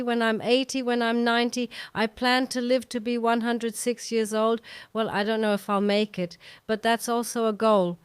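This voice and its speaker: A woman in her fifties speaks as an interview guest, reflective and unhurried, often pausing on ums and restarting her thoughts. Her voice is strikingly clear, and it is recorded dry and close. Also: on the high side, dry recording. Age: 50s. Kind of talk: conversational interview.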